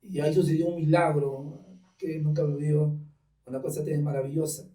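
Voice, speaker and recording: A man's voice: on the high side, a little fast, far from the mic. A man tells his personal testimony in conversation, acting out the voices of others in his story. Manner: animated storyteller acting out dialogue. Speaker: guest giving testimony. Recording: roomy sound from off mic.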